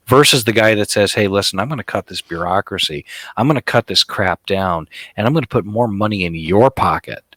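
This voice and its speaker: Emphatic low-voiced man on a podcast. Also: fairly bright tone, dry recording. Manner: emphatic, mocking, repeats himself. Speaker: podcast co-host. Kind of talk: casual political chat.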